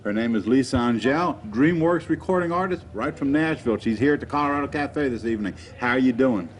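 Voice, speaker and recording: Joking New Jersey talk show host. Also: male voice, medium pitch, fairly quick, slight background noise. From New Jersey, USA. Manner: joking, teasing banter. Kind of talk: casual interview. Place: cafe.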